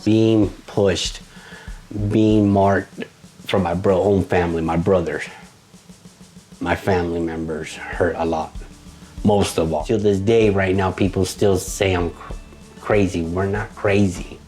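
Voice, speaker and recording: A man with a very deep voice, speaking slowly and haltingly with heartfelt weight. Music plays faintly in the background. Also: fairly even intonation, a little mellow. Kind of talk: documentary interview.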